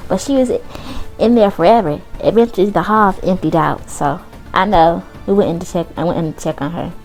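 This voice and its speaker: A woman's voice: fairly low pitch, brisk, a little mellow, soft background music, lightly acted. A woman voicing a teenage boy football player in a mock Southern accent, casual and backpedaling as he answers questions. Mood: defensive.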